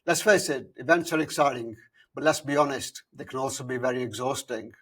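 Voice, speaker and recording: A man hosting a podcast, reading an upbeat scripted intro and then chatting casually with his guest, filling pauses with "uh.". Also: mid-range voice, a bit bright, slightly rough. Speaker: podcast host.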